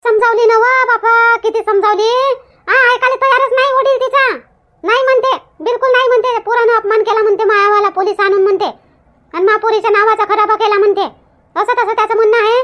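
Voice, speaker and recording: A woman acting out a blunt village gossip with a thick Varhadi accent on a comedy phone call. Her voice is very high and piercing. She rambles and repeats herself and will not budge. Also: steady tone, quick pace, fairly bright tone. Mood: gossipy. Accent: Varhadi Marathi.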